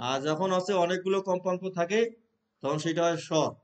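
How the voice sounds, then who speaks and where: A Bangladeshi man with a high voice teaches a class of trainee teachers in a lecture setting. He explains terms, reads English definitions slowly, and puts questions to the room.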